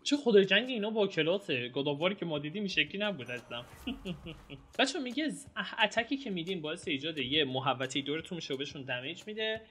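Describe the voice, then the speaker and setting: Young man, gameplay commentary, excitable, lively pitch, bright tone. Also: husky. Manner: excitable, shouts and groans at the game. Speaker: gameplay streamer. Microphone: home mic with some noise.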